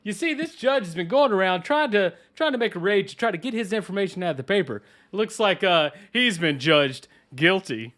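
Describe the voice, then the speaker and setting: A man's voice: high voice, animated, brisk, few pauses, a bit bright. A man playing an eager jobless male news anchor who talks earnestly and stumbles over his words in an improvised comedy bit. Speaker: comedy podcast co-host.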